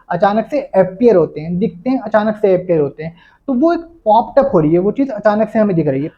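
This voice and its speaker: A young man from India giving a casual spoken English lesson, repeating a filler after nearly every phrase. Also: high voice. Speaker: English teacher. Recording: dull lo-fi sound.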